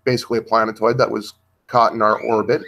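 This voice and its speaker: A man talking slowly in a livestream discussion, pausing often and searching for his words as he builds his argument. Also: on the low side, little pitch movement, a bit bright.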